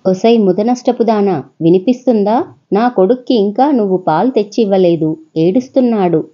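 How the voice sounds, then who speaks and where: A woman voicing a cruel storybook mother who snaps and scolds in a raised, shrill voice. Her tone is husky and a little breathy. The recording sounds slightly dull and lo-fi. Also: brisk, warm tone, lightly acted. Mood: scolding.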